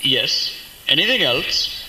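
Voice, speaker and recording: A woman's voice: low-pitched, very animated, slow, full character voice. A woman acting a curt, dryly dismissive camp registrar in a comic audio drama. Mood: brisk, dismissive. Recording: loud background noise.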